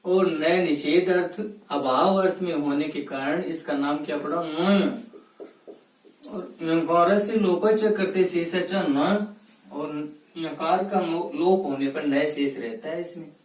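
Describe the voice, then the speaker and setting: A woman's voice: low-pitched, slow, a little mellow, far from the mic. A woman teacher giving a recorded grammar lesson, repeating each example word and answering her own questions. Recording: roomy echo, voice set back from the mic.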